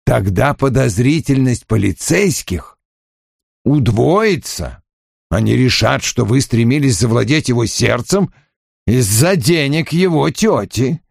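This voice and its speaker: A man's voice: mid-range voice, animated, creaky, no room sound, voice pushed up, full character voice. A man voicing a stern, imperious detective. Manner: dry, measured, commanding.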